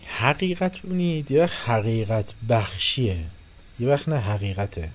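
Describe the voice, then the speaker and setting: A man giving a religious philosophy lecture to a class, animated, moving between soft and loud and acting out the people he quotes. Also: fairly low pitch. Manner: animated, shifting loudness, quotes and acts out people.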